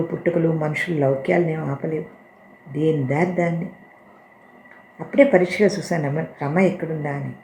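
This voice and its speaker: A woman reading a first-person story aloud in a calm, measured, reflective way. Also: deep voice, vocal fry. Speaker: story reader. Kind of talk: storytelling narration. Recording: roomy echo with faint noise.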